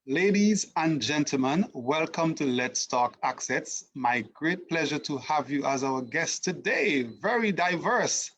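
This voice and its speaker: A man's voice: on the high side, animated, unhurried, hardly any pauses, fairly bright tone. A man hosting a live online talk show, speaking in a formal, welcoming way. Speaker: host.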